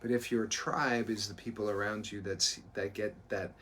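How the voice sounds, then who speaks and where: On a motivational live stream, a male co-host coaching performance speaks with encouragement and sincerity, frequently starting sentences over. His voice is low-ish, steady, and fairly bright at a normal speed, with slight background noise.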